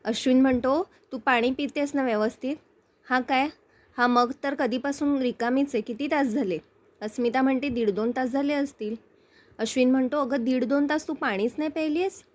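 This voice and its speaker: A woman narrating a review of a TV serial episode. She moves steadily through the story and reads the characters' lines aloud as she goes. Her voice sits a little high. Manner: narrates briskly, voicing each character's lines in turn. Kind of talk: retelling a TV episode with read-out dialogue.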